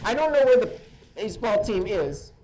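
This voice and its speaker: A high-voiced man delivers informal sports updates in a rambling, exclamatory way. He speaks into a handheld voice recorder outdoors, so it sounds like a dictaphone recording with noise around him. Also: big pitch swings, moderate pace, darkish tone, poor audio. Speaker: high school baseball broadcaster. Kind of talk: informal solo rain update commentary. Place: outdoors by a door in a rainstorm.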